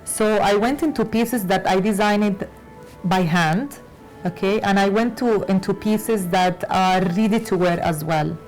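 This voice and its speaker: A woman fashion designer from Lebanon, raised in Latin America, answering interview questions with many pauses and fillers. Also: medium pitch, darkish tone, soft background music, poor audio. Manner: hesitant, many fillers and restarts. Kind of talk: conversational interview.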